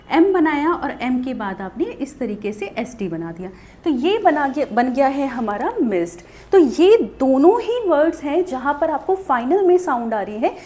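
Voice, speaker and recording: A woman's voice: high-pitched, a little mellow. A woman teaching a shorthand lesson on video, explaining step by step and asking questions she then answers herself.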